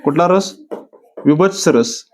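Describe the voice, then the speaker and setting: A man with a slightly high-pitched voice leads a recorded exam-prep lesson. He poses each question aloud, answers it, then repeats the answer like a drill. Quoted verse lines come out slow and deliberate. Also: expressive, a little mellow, slight background noise. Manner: repetitive, quizzing himself with question-and-answer drills. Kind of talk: classroom-style video lecture.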